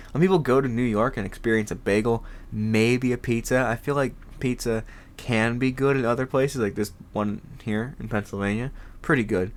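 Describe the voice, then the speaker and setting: A young man with a congested, rather low voice rambles casually as a podcast host. He swears freely and laughs often.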